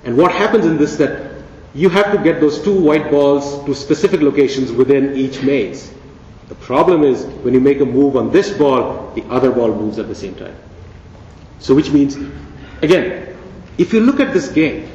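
At a moderate pace, a man with a medium-pitched, darkish voice gives a keynote in a large conference hall. He's playful and conversational, using rhetorical questions, and the far-off recording sounds dull and full of echo.

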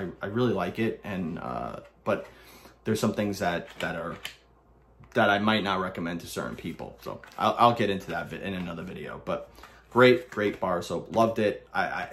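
A man with a Brooklyn New York accent talks through a soap review in a casual, rambling way. His voice sits a little low, and he keeps restarting his sentences with plenty of filler words. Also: slight background noise.

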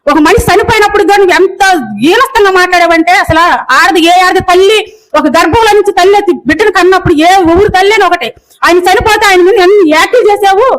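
Angry woman ranting super fast, high voice, keeps repeating herself. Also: fairly bright tone, low-quality recording. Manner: scolding, rapid and repetitive. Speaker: video commenter. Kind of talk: angry rant.

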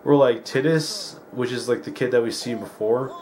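A man's voice: mid-range voice, moderate pace, darkish tone, slight background noise. A man hosting a let's play, talking casually over gameplay with lots of filler words. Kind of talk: casual game commentary. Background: game music.

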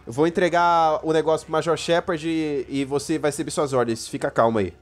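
A man with a Brazilian Portuguese accent hosting a let's play, joking and yelling during firefights and haltingly reading mission text aloud. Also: on the high side, steady tone, soft background music. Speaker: gaming channel host.

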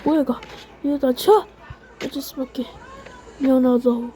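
A woman playing a game on camera, yelling and cursing while acting out lines for the characters in her match. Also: high voice, fairly even intonation, moderate pace. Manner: shouty, swears, switches between playful role-play and yelling. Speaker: gaming YouTuber. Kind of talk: excited gameplay commentary with role-play voices.

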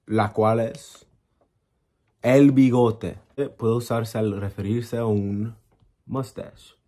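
Young guy teaching spanish words from his bedroom, laid back, talks slow, mixes in, phone camera. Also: lowish voice. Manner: relaxed, mixes English and Spanish, explains with gestures. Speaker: language teacher vlogger. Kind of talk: casual bilingual lesson to camera. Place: small bedroom, indoors. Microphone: camera at arm's length.

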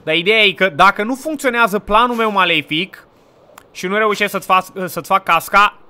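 A man hosting a casual let's-play, playful and mock-villainous, breaking into excited outbursts. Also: high-pitched, smooth. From Romania. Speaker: gaming channel host.

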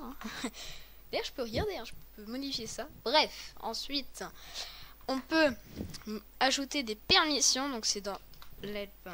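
A woman's voice: on the high side, fairly bright tone. A woman hosting a casual game tutorial with a friend, talking in a chatty, hesitant way with many fillers and restarts. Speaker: host of a game tutorial video.

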